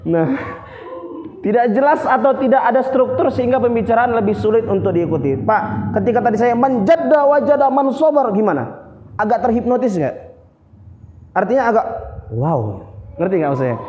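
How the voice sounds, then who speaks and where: A man's voice: high voice, expressive, moderate pace, pauses often, a little mellow. A man running a public speaking workshop in a mosque, playful and teasing, often quizzing his audience. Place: mosque hall. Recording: reverberant hall, dull lo-fi sound.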